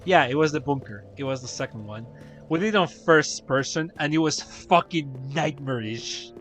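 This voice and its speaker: A man's voice: fairly high pitch, moderate pace, a bit bright, faint music behind. A young man streaming a game, chatting casually and telling stories with laughter and frequent swearing. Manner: laughing, profane, rambling storytelling. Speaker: gaming streamer. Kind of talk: casual chat while playing.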